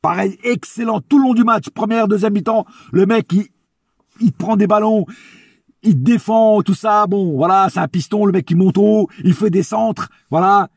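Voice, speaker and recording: High-pitched man ranting, husky and blunt. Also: normal speed, dry recording, clean studio sound. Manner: opinionated, ranting, blunt, with swearing; repeats phrases for emphasis. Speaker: football fan vlogger giving player ratings. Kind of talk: casual, slangy match debrief monologue.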